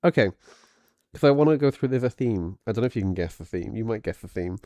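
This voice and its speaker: A man's voice: lowish voice, animated, fast talker, mellow, no echo. A man co-hosting a podcast in casual chat, making dry wisecracks and laughing often. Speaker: podcast co-host.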